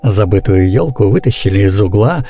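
A man narrating a children's story aloud in an expressive, animated way. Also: fairly low pitch, moderate pace, soft background music. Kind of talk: audiobook reading of a children's story.

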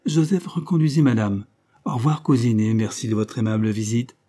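A man reading the part of a haughty, hurried male deputy who is affectedly polite and dismissive. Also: mid-range voice, warm tone, lightly acted. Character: haughty busy male deputy, Parisian cousin.

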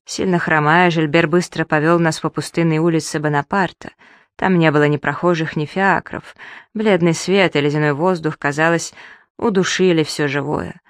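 A woman narrating an audiobook in the first person, reading in a soft, measured and emotional way. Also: sits low, steady tone, no echo, studio quality.

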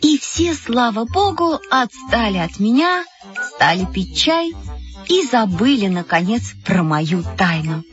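A woman narrating a first-person children's story, animated and expressive. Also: on the high side, measured pace. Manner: animated, playing a girl narrator. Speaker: audiobook reader. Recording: dull lo-fi with music behind.

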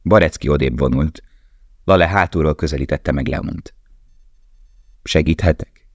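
A man narrating an audiobook in a measured, even reading. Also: very deep voice, no echo. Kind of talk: scripted narration.

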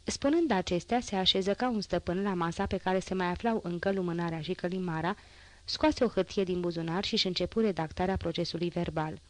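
Low-voiced woman reading a novel. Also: darkish tone. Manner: measured literary reading. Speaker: audiobook reader. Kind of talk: audiobook narration.

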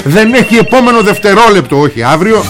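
A man's voice: sits high, lively intonation. A man hosting a political talk show, delivering a sarcastic, combative monologue straight at the viewer.

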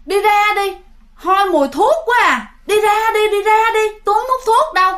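A woman's voice: moderate pace, a bit bright. A wailing possessed girl. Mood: wailing, frightened. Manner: high, crying, childlike repeating. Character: possessed young woman, childish, wailing spirit.

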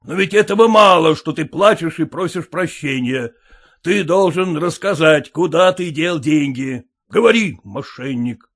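A blustering middle-aged father bursting with indignation, as a male narrator puts him on. He shouts and rants, with his pitch swinging widely and the voice pitched fairly high. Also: lively intonation, measured pace. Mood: indignant outrage. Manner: exclamatory, shouting in outrage.

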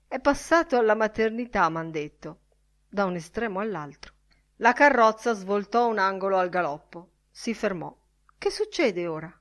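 A woman narrating a literary audiobook with a calm, varied delivery. Her voice sits slightly low for a woman.

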